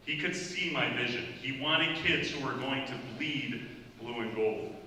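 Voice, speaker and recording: A middle-aged man, a high school golf coach, giving a heartfelt ceremony speech that nearly brings him to tears. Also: pushed and bright. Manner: heartfelt, near tears at times. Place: school hall. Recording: echoey hall, voice from far off, faint noise.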